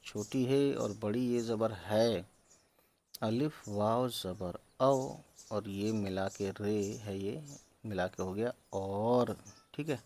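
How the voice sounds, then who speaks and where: A man teaching reading, sounding out each letter and syllable slowly and patiently, with English words mixed in. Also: lowish voice, darkish tone. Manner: mixes English words into explanations. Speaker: Urdu teacher.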